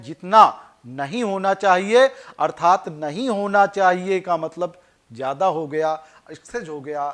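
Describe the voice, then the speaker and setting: Male English tutor, high voice, unhurried lesson delivery that repeats each point. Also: fairly bright tone. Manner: slow explaining, repeats points, reads example sentences slowly. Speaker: English teacher. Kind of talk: classroom grammar lesson in Hindi.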